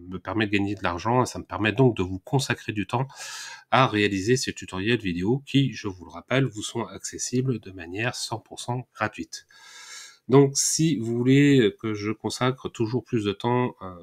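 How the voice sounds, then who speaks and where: A man hosting a casual software tutorial, talking through his screen with frequent hesitations and fillers. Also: fairly low pitch. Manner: hesitant, many "euh" fillers and restarts. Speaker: WordPress tutorial host.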